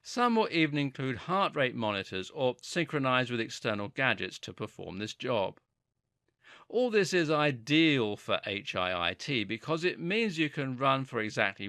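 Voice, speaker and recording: Bright, lively male instructional narrator. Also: medium pitch, normal speed, dry recording, studio quality. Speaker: narrator of a fitness guide.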